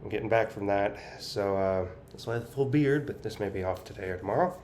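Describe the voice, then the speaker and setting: Man talking through straw-clenched teeth, lowish voice. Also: fast talker, a little mellow, slight background noise. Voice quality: effortful, impaired articulation. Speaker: vlogger sharing speech progress. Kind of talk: casual personal update to camera.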